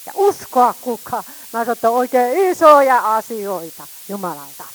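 A woman preaching a sermon, fervent, calling out to her congregation and swinging between loud shouts and quiet asides. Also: a little high, very animated, low-quality recording.

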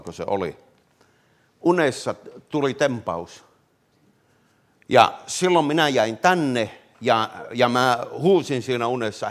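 A man preaching a fervent revivalist sermon, swinging from loud calls to hushed words and often addressing listeners directly. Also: mid-range voice. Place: meeting hall.

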